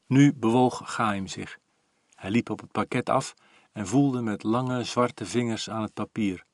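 A man in his forties calmly reading a first-person story aloud, even and reflective. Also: on the low side, a little slow, dry recording, clean studio sound. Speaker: audiobook narrator.

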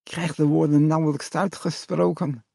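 A man's voice: a little high, little pitch movement, normal speed, vocal fry, mellow, breathy edge, no echo, studio quality, voice pushed up. A man reading a storybook, voicing a confused mother who has turned into a doe, with a lisping, strange voice. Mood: dazed.

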